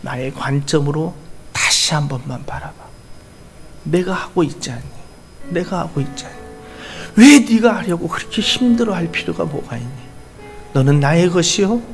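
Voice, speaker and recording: A male pastor voicing God, speaking softly and reassuringly to believers. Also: fairly high pitch, moderate pace, vocal fry, soft background music. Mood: gentle, hushed. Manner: soft, hushed, reassuring.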